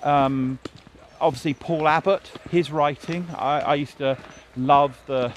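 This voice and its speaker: In a casual conversation by the roadside, this TV drama writer speaks thoughtfully, a little slowly and with a steady tone, his pitch on the high side. He hesitates and restarts often. Faint street sounds and passing cars carry on behind him.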